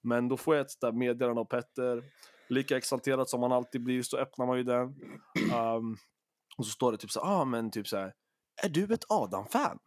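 A man's voice: medium pitch, level tone, no echo, clean studio sound. Rambling Swedish-slang male podcaster. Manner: rambling, lots of fillers and acted-out quotes, Swedish slang. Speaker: podcast co-host. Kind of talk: casual storytelling chat.

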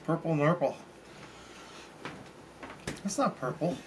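A man's voice: fairly high pitch, very animated, slow pace, rough recording. A man co-hosts a laid-back live stream in a slightly raised voice. He swears casually and tosses off short quips, and a faint hiss of noise sits behind him. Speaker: co-host.

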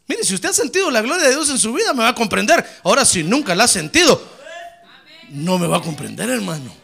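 A fiery pastor with a very high, bright voice preaches a Pentecostal sermon in his church. He drops to hushed asides, then climbs into shouted praise with a gravelly edge. His pitch leaps all over. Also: very animated, fast talker. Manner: swings from quiet asides to shouted exclamations.

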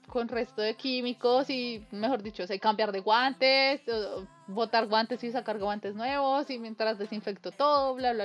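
Animated woman telling a story. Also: fairly high pitch. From Colombia. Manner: animated, acts out quoted voices, laughs often. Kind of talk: casual anecdote.

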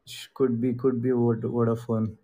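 A man's voice: medium pitch, level tone, normal speed, warm tone. Casual Indian-accented man hosting a group call. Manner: informal, mixes Hindi phrases into English. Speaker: host of an online group call on crypto investing.

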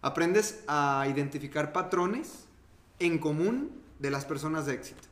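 A man's voice: on the high side, lively intonation, unhurried, reverberant. A man with a Mexican accent co-hosting a casual podcast, talking animatedly and acting out other people's reactions. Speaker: podcast co-host.

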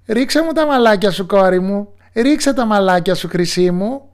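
A man voicing a shrill old witch mother, calling in a strained falsetto with drawn-out, sing-song cries in a storybook tale. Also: lively intonation, clean tone. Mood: frantic calling.

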